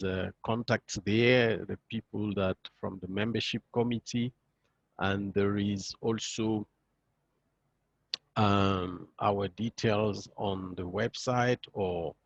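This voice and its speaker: A man organizing an online meeting, thanking participants in a halting way with fillers. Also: lowish voice, vocal fry, dry recording. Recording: dull lo-fi dry audio.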